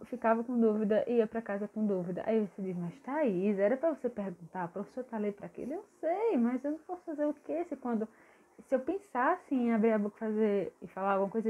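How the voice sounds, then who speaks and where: Young female vlogger, casual and lively, higher voice, lo-fi phone-like audio. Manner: chatty, lively, addresses viewers directly. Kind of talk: casual chat to camera. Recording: tinny phone-like sound.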